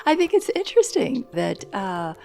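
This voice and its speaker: Slow, thoughtful woman in her sixties. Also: a little high, vocal fry. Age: 60s. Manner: slow, thoughtful, warmly candid. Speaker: yoga instructor and life coach. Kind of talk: reflective interview talk.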